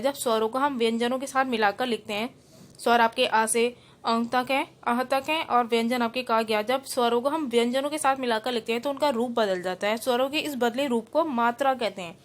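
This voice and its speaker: Woman teacher, fairly high voice, online grammar class, restates each rule plainly. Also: brisk. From India. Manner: repeats each rule in simpler words, mixing in English terms. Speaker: school Hindi teacher.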